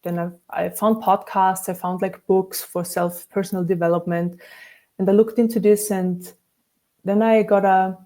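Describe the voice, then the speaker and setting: A woman's voice: medium pitch, little pitch movement, normal speed, mellow. A woman from Austria, a spiritual teacher speaking as a guest in a thoughtful interview, often restarting her sentences. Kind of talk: reflective interview conversation.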